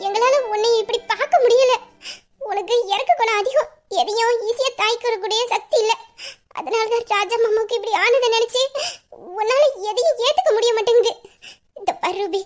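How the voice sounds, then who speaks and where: A woman voicing an older sister who scolds and consoles a grieving girl in a caring, persuasive way, as in a fan audio drama. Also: very high-pitched.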